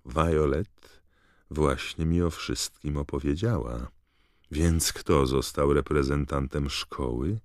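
A man voicing a nosy, chatty plump lady in a painting in an audiobook, speaking higher than his narration. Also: takes it slowly, no echo, studio quality, full character voice. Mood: curious. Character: gossipy plump female portrait lady.

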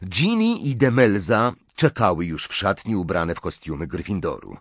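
Low-voiced man reading a novel. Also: moderate pace, breathy edge, no echo. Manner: expressive reading, plays every role himself. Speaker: audiobook narrator. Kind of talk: scripted narration.

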